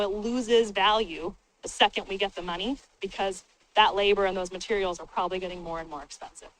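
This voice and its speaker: Here a woman from the city staff presents and runs a public town hall, her loud, booming voice carried by a handheld mic. She keeps things plain, informal and cheerful.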